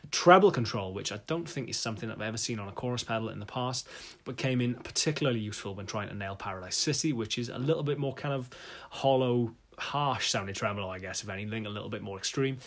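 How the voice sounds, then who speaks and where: A man's voice: fairly low pitch, fast. A man with a Welsh accent from South Wales, chatting enthusiastically as a guitarist reviewing gear in a casual vlog.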